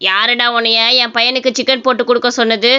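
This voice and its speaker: A woman's voice: on the high side, fairly even intonation, fast talker, pushed and bright, clean tone. A woman voicing a greedy, bossy male shop owner. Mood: angry. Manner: harsh, bossy, threatening. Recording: dull lo-fi cartoon audio.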